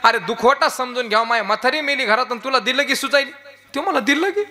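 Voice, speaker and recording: Man putting on an angry grieving village son, shouting high. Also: fast, full character voice. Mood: indignant. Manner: shouting, indignant.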